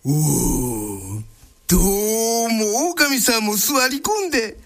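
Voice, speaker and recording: A woman's voice: medium pitch, sing-song, takes it slowly, exaggerated voice. A woman voicing fretful old village men walking a night road, drawling and jumpy in a Tango Kyoto dialect, for a folk tale. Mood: uneasy. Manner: drawling, jumpy, cries out in alarm.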